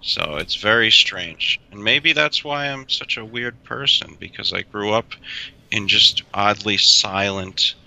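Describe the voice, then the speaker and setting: Bright, clear-voiced man asking questions. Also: fairly low pitch, measured pace, low-quality recording. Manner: probing, asks pointed questions. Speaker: podcast co-host. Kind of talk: casual podcast chat.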